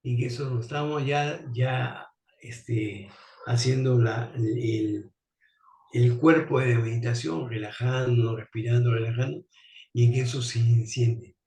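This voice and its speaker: A man's voice: mid-range voice, steady tone, unhurried, darkish tone. A man telling a personal story as an interview guest. He acts out the dialogue in it. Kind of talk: storytelling anecdote. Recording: roomy, distant mic.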